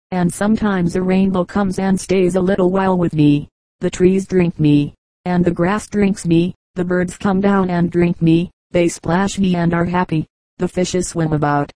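A woman reading the part of a cheerful talking brook in a storybook, gentle and fond, with an even, mellow voice. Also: lowish voice, no room sound, close to an everyday voice, rough recording. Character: cheerful chattering brook, endlessly happy.

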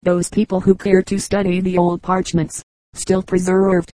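A woman reading a storybook aloud in a steady, even narrating manner. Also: lowish voice, a little slow, no echo, rough recording. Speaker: audiobook reader.

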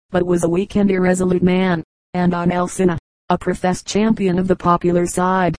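Woman, audiobook narration, mellow tone, dry close sound. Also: fairly low pitch, no echo, rough recording. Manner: measured, even reading. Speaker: audiobook reader. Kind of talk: scripted narration of a history book.

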